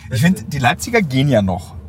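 A man's voice: medium pitch, a little fast. A man hosting a casual podcast from a car, joking around and laughing a lot. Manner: animated, jokey, laughs a lot. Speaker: podcast host. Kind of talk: casual chat. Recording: car cabin noise.

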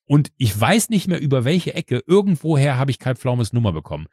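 A man hosting a casual chat who tells a personal story, acting out the voices he quotes and filling pauses with "uh". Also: medium pitch, slightly rough, no echo, studio quality. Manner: lively storyteller who acts out quoted voices, frequent "äh" fillers.

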